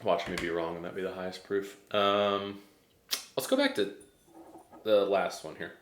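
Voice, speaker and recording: A man's voice: deep voice, fairly even intonation, moderate pace, roomy sound, a little hiss or hum. An American man chatting casually as he reviews a tasting, hesitant and thinking aloud. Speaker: whiskey reviewer.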